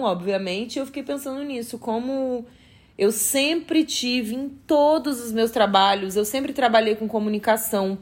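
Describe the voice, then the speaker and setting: A woman guest in a casual interview, speaking frankly and conversationally in a firm, projected voice. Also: medium pitch.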